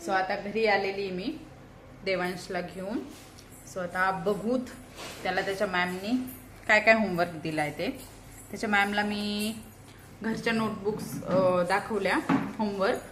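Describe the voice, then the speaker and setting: A young woman with a Marathi accent chatting in a family vlog, talking softly to the camera and calling out loudly to her small children. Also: medium pitch, steady tone, unhurried, pauses often, a little hiss or hum. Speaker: vlogger and mother. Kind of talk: casual family vlog chat. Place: home and school grounds.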